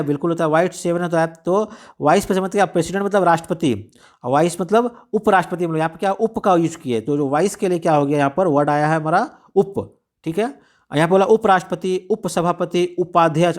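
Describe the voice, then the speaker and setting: A young man from India teaching an exam-prep lesson, explaining conversationally with rhetorical questions and repetition. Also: on the high side. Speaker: exam tutor. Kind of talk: casual spoken lecture.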